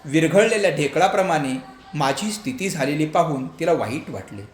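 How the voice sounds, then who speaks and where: A man narrating a storybook aloud in an expressive, lively way. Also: fairly high pitch, normal speed, soft background music. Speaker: story reader. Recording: echoey room, faint background hum.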